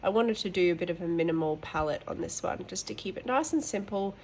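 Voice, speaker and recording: Here a woman talks fast in a fairly low, slightly mellow voice, with slight background noise. A mother of boys hosting a colouring channel from home, she chats casually in show-and-tell style, nasal from hay fever and full of rambling, apologetic asides.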